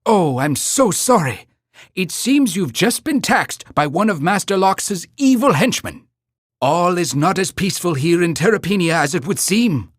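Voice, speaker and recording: A man's voice: sits high, big pitch swings, measured pace, dry recording, studio quality, heavily acted. A man voicing a pompous, earnest cartoon mayor in a video game, announcing in a grandiose, theatrical way. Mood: grave, regretful. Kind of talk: scripted video game narration.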